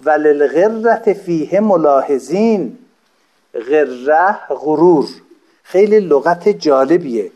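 Male religious teacher, lecture delivery, slightly high pitch, slow recited quotes, plain explanations. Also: a little mellow. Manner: rhetorical questions to listeners. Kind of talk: explanatory lecture on Arabic text.

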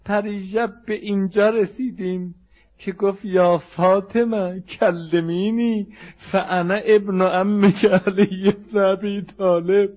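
A man's voice: high voice, fairly even intonation, a little mellow, muffled recording. A man performing a mournful religious recitation, half spoken and half chanted, his voice turning tearful and plaintive.

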